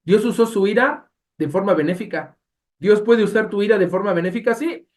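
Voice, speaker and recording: A man with a Mexican accent teaching a Bible study class, talking in an animated way and asking his listeners rhetorical questions. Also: high-pitched, a little fast. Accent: Mexican Spanish.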